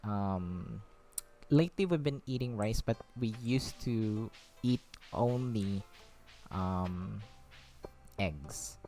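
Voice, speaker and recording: A man's voice: on the low side, animated, takes it slowly, dark tone, faint music behind. A man from the Philippines chatting casually while playing a game, rambling with lots of ums and a slightly breathless voice. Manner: rambling, many fillers, easily sidetracked. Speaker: gaming vlogger.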